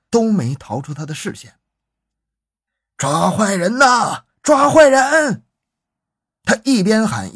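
Brief: male documentary narrator, husky, animated pitch, dramatic true-crime reading. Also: no echo, studio quality. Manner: dramatic, suspenseful storytelling.

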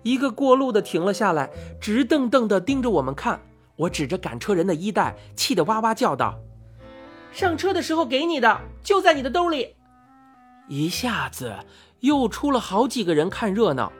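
A woman of medium pitch narrates her own story at an ordinary pace, giving the dialogue a lively, acted-out reading full of expression. There's faint music in the background.

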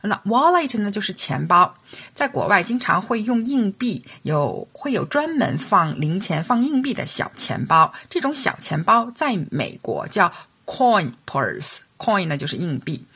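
A woman's voice: mid-range voice, sing-song, unhurried, a bit bright, slightly rough. A woman teaching a language lesson, explaining phrases and carefully enunciating model sentences. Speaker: English teacher.

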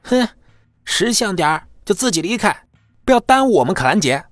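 A man voicing a brash, bullying young hanger-on of a rich family who sounds shrill and crude. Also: very animated, brisk, fairly bright tone, no echo, faint music behind.

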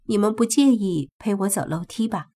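A woman's voice: medium pitch, normal speed, mellow, close to an everyday voice. A woman reading a storybook, voicing a smug, spiteful young woman journalist with a taunting, affected manner.

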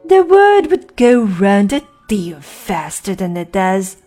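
A woman voicing a loud, bossy noblewoman with a hoarse growl, speaking slowly. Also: mid-range voice, very animated, soft background music. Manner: slow, loud, shouting.

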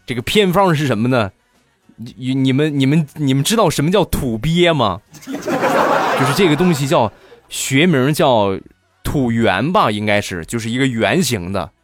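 A man's voice: mid-range voice, lively intonation, normal speed, no echo, faint music behind. A man telling funny childhood stories in a playful, teasing comic monologue. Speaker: comedian storyteller.

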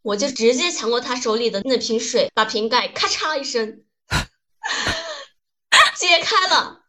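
A woman's voice: sits high, very animated, slow pace, heavily acted. A woman acting a brash, tough young woman who rants bluntly and indignantly in a comedy skit. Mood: ranting. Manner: blunt, loud-mouthed, indignant ranting.

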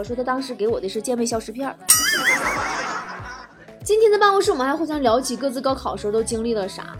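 A woman hosting a comic talk show, reading out listener messages and answering them with teasing, punchy wisecracks. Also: a little high. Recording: music playing behind the voice.

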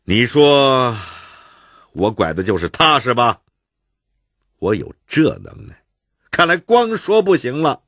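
A man's voice: medium pitch, sing-song, slow, pauses often, fairly bright tone, no room sound, clean studio sound, voice pushed up, exaggerated voice. A man with a Beijing accent voicing a jovial, stubborn old Beijing bird fancier who jokes wryly. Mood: joking. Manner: wry joking banter.

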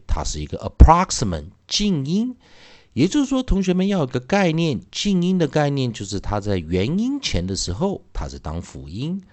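A man's voice: mid-range voice, darkish tone. A man who teaches English phonics in a recorded lesson. He is patient and repeats each sound many times over.

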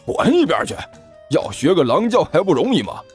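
A man voicing a gruff, sneering male robber boss who snaps scornfully at his timid sidekick in a told story. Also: fairly high pitch, very animated, brisk, faint music behind, voice pushed up, exaggerated voice.

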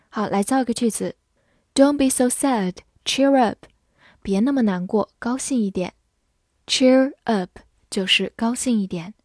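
Woman, English vocabulary teacher, slow careful delivery, spells words out, dry close sound. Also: a little high, darkish tone, dry recording. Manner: spells words letter by letter and repeats phrases slowly. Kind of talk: vocabulary lesson with slow read-alouds.

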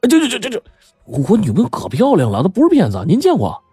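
A man voicing a frightened, sly teenage nephew who stammers and pleads in a raised, husky voice. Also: high voice, wildly swooping pitch, quick pace, dark tone, dry recording, clean studio sound, soft background music, voice pushed up, full character voice. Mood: nervous.

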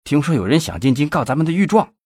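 A man's voice: medium pitch, big pitch swings, moderate pace, gravelly, slightly rough, dry recording, clean studio sound, pitched above the performer's own voice, exaggerated voice. A man voicing a panicky, whining young male nephew in an audiobook, talking breathlessly and in a rush. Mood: panicked.

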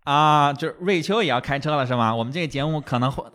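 A man hosting a casual podcast chat, eager and quick to agree, often repeating words as he goes. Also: on the high side, fairly bright tone. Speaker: podcast host.

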